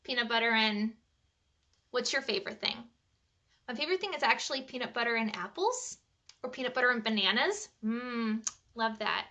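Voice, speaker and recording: A woman with a slightly high voice reads a bedtime story to children, animated and chatty, stopping to ask her listeners questions. The sound quality is lo-fi.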